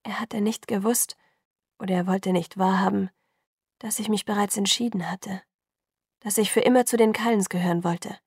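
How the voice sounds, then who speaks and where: A woman narrating a novel in the first person, reading in an even, steady way. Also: mid-range voice, normal speed, husky, no room sound, clean studio sound. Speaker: audiobook narrator.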